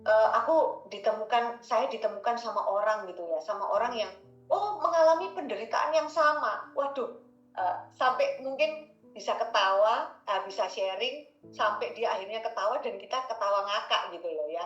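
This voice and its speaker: A woman's voice: a little high, normal speed. A woman giving a casual devotional talk, chatty and repetitive, often addressing listeners as brothers and sisters. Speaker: devotional speaker. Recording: roomy, dull lo-fi recording with faint music.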